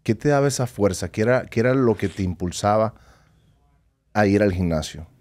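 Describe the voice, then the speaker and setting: Deep-voiced man asking supportive questions. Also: lively intonation, moderate pace, a little mellow, no room sound, clean studio sound. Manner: supportive, brief prompts and follow-up questions. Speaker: podcast host. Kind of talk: interview questions.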